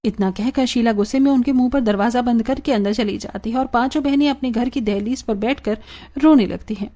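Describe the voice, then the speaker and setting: A woman narrating an animated story in a plain storytelling tone. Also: on the high side, fairly quick.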